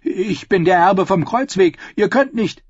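A cowardly drunken knight from an audiobook, pitched high and loud, pleading and protesting indignantly, as a male reader puts him on. His voice stays husky and the recording is dry and a bit dull. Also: animated, measured pace, dry recording, heavily acted.

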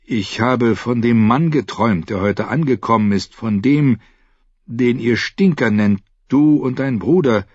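Man voicing a sorrowful boy seer, slow pained delivery, husky, dull sound. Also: mid-range voice, darkish tone, no room sound, voice pushed up, natural voice. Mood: grave.

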